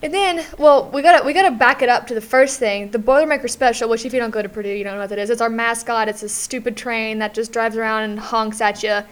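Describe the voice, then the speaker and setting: A woman's voice: a little high, fast, few pauses. A young adult woman co-hosting a podcast, chatting casually and acting out voices as she tells stories. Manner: animated storytelling, acts out voices. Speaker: podcast co-host. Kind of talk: casual chat.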